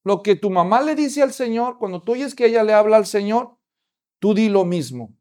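A patient, encouraging pastor, voiced by a man in a sermon story. He coaxes and reassures gently, in a voice close to the preacher's own, on the high side. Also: expressive, moderate pace. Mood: coaxing. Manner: gently coaxing.

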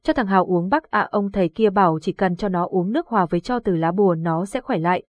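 A woman voicing a young village man who is anxious but steady, reassuring and polite to elders. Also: mid-range voice, quick pace, no room sound, lightly acted. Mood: earnest.

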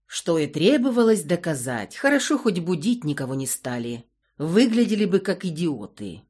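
A woman narrates an audiobook in an expressive storytelling style. Her voice is husky and fairly low, at a normal speed.

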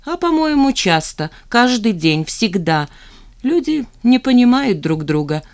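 A reader voicing an angry, sharp-tongued woman who shouts at an unwelcome guest in an audiobook. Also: medium pitch, very animated, a little slow, voice pushed up. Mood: gloomy. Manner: angry, raised voice.

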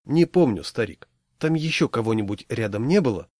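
A man's voice: medium pitch, animated, normal speed, a little mellow, no room sound, clean studio sound, natural voice. A man voicing a flustered, forgetful male coworker who plays dumb about his debts. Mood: bewildered. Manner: bewildered, feigning forgetfulness.

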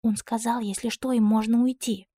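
A woman voicing an earnest young girl who serves as a maid, with a high, pleading voice. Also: steady tone, fast talker, mellow, dry recording. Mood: hushed.

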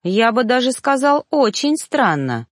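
A woman voicing a sly male reaper who speaks in a mocking, drawn-out way. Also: a little high, very animated, no echo, clean studio sound, voice pushed up. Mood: teasing.

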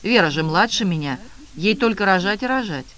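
A man reading the lines of a cold, stern older male scientist who talks curtly and flatly. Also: high-pitched, fairly quick. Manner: curt and flat.

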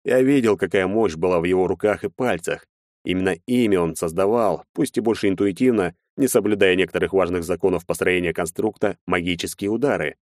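A man narrating an audiobook in the first person, steady and measured. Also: low voice, no echo, clean studio sound.

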